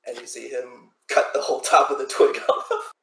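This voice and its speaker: A man's voice: mid-range voice, moderate pace, creaky, fairly bright tone, roomy sound, poor audio. A man narrating as game master of a tabletop game, rambling loosely with many restarts.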